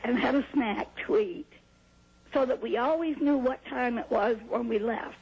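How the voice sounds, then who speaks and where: An older woman from New Hampshire calmly recounting a personal experience in an interview, heard on an old VHS tape. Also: on the high side, moderate pace, gravelly, muffled recording. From New Hampshire, USA. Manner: calm, plain storytelling with small laughs and restarts. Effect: old VHS tape sound. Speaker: interview guest.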